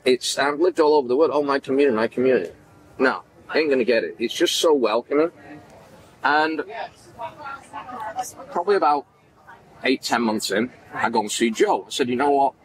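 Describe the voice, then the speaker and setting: Animated Manchester man telling stories. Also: mid-range voice, moderate pace, pauses often, poor audio. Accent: Manchester English. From Manchester, England. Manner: animated, acts out quoted dialogue, gestures widely. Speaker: podcast guest. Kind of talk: casual storytelling interview. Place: indoor event backdrop at a farmers market.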